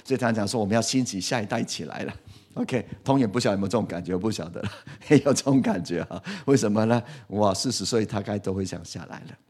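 Man preaching, middle-aged, lively, questions to congregation. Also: on the low side, quick pace, slightly rough. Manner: lively, asks the congregation questions, animated swings in loudness. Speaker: pastor. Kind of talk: sermon.

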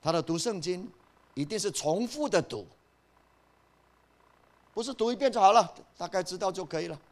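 A man preaching a sermon. He moves from soft asides to loud, rising emphasis, and he asks the listeners questions and then answers them himself. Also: high-pitched, lively intonation, normal speed. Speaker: pastor.

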